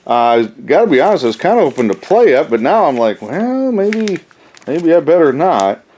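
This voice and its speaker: In a casual, unscripted collector's haul video, a man does show-and-tell, thinking aloud in a rambling, folksy way. His warm voice sits on the high side, swings widely in pitch, and keeps a moderate pace. There's a little hiss or hum on the recording.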